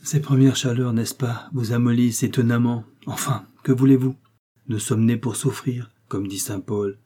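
A man voicing a coarse, bustling older country priest who talks loudly and jovially. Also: medium pitch, fairly even intonation, moderate pace, husky, close to an everyday voice. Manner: loud, jovial, scolding.

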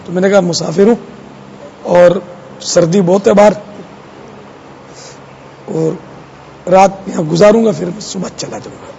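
A man's voice: sits high, vocal fry, long pauses, warm tone, dull audio, slight background noise. A man preaching in a conversational storytelling style, addressing his audience. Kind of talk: sermon storytelling.

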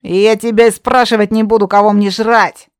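A woman's voice: medium pitch, expressive, a little slow, no room sound, clean studio sound, natural voice. A woman voicing a brash, mocking young red-haired witch in an audiobook. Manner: loud, cheeky, mocking.

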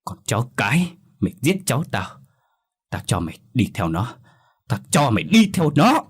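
A man's voice: lowish voice, normal speed, slightly rough. A man voicing an enraged old grandfather who snarls and curses. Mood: furious. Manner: snarling, cursing.

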